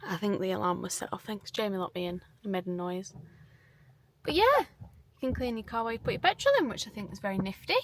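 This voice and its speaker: A woman's voice: mid-range voice, fast. A young woman from England giving offhand, lightly amused commentary during a travel vlog. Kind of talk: casual travel vlog chat. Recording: phone video with loud car and street noise.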